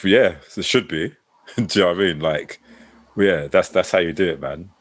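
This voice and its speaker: A man's voice: deep voice, normal speed, dry recording. A man co-hosting a podcast, chatting casually in slangy British speech. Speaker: podcast co-host. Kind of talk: casual chat.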